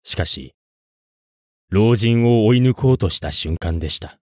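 A man narrates a scripted ghost story in a low, expressive voice, his intonation ranging widely as deliberate pauses build suspense. The recording is close and dry, with no room sound.

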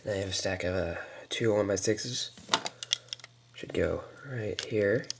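Indoors at a table, a man with a deep, gravelly voice gives casual step-by-step instructions for a toy build. The recording is very noisy, and his relaxed, halting delivery is loaded with fillers and low mutters.

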